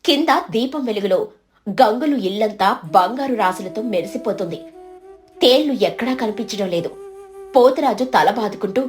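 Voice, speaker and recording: A woman reads out a moral story for an animated cartoon in a steady, measured storytelling voice. Her pitch sits somewhat high. Faint music plays underneath. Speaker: narrator. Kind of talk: scripted storybook narration.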